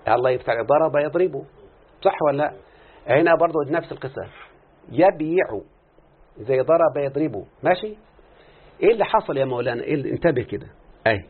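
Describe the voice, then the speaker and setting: Egyptian man teaching, tinny husky recording. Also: fairly high pitch, lively intonation, quick pace, long pauses. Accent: Egyptian Arabic. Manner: questioning students, drawing out answers. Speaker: teacher of Arabic morphology. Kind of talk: classroom lesson explaining grammar.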